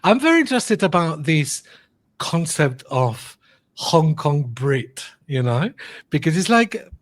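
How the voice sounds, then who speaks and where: A man's voice: a little high, sing-song, slow, dry recording. A man from Spain, hosting an interview over a video call in a friendly, hesitant way, full of "like" and "um". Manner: friendly, hesitant, many fillers like "like" and "um". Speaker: podcast host.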